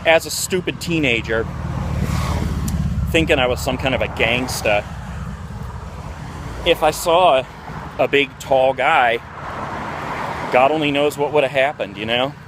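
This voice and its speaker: A man in his forties rambles through candid stories as he walks outside, filling pauses with "uh" and "like." He is recorded on a handheld camera in the open air, with faint traffic and outdoor sounds behind him. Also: medium pitch. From Ohio, USA. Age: 40s. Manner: candid, rambling, with many fillers. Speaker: vlogger. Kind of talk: casual storytelling vlog. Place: outdoors, walking through a neighborhood near a park.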